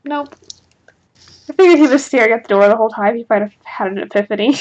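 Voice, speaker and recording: A woman's voice: on the high side, fast talker, a little mellow, slight background noise, rough recording. A woman playing a tabletop game, casual and offhand, often laughing and half-whispering. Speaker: player.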